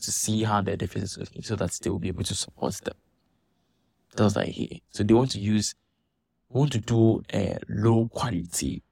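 A man giving an animated, indignant monologue, restarting his sentences often. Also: on the low side, creaky, slightly rough, no room sound, studio quality. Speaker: church member commenting on a dispute. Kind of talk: casual monologue vlog.

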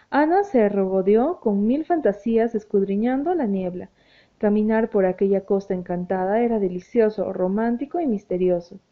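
A woman narrating an audiobook in a measured, expressive reading voice. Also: mid-range voice. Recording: tinny phone-like sound.

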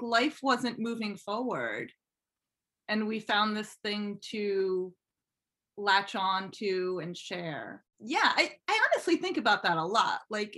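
A woman appears as a guest on a podcast, chatting casually and a bit self-deprecatingly about her fan fiction writing. Her voice sits fairly high and has a sharp tone.

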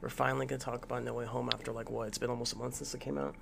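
A man hosting a casual group podcast chat, sounding sick and low on energy. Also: flat delivery, very fast, gravelly. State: sick with a headache. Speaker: podcast host.

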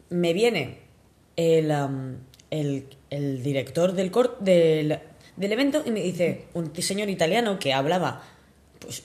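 Young woman, kinda tipsy, telling a story all excited, giggly, casual podcast chat. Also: on the low side. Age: young adult. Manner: animated, excitable, laughs often. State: a little tipsy.

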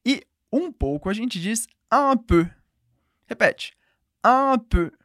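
Woman teaching, lively pitch. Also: clean studio sound. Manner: patient, repeats words slowly for the listener to echo. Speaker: language teacher. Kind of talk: podcast language lesson.

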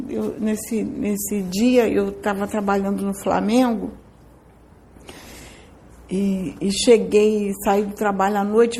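A woman's voice: mid-range voice, dark tone. A woman with a Brazilian Portuguese accent giving a heartfelt personal religious testimony, telling it emotionally and often restarting her sentences. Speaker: speaker giving a faith testimony.

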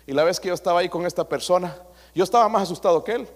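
A man preaching from the pulpit, his voice sitting a little high for a man. He moves between loud, emphatic passages and hushed asides to the congregation. His voice rings out with a long echo through a church hall. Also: very fast. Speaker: pastor. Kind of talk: sermon. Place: church sanctuary.

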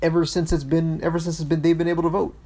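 A man with a somewhat raised voice co-hosts a casual political podcast. He speaks haltingly, with frequent restarts and false starts, and sometimes reads policy text aloud. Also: fairly high pitch, flat delivery, warm tone. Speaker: podcast co-host.

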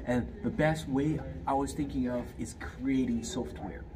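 A Fijian student in his twenties answers a guest interview's questions hesitantly, with many fillers and restarts, speaking a little slowly at a medium pitch. The mic is distant and background noise is clearly audible.

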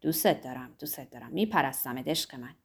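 A woman voicing a cool, hesitant male lover who speaks in a low, hushed murmur. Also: expressive, slightly rough, full character voice. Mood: tender.

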